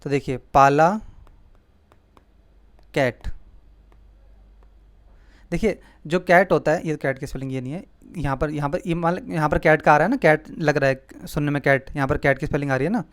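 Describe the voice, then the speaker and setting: A man's voice: on the high side, moderate pace, long pauses, dry recording. Dry-voiced man teaching vocabulary. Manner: explanatory, repeats words, asks "ठीक है?". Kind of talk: mnemonic vocabulary lesson.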